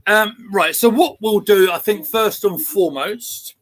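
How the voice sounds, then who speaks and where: A man's voice: high voice, measured pace, fairly bright tone. A man with an Essex accent, hosting a casual football livestream chat. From Essex, England. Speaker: host.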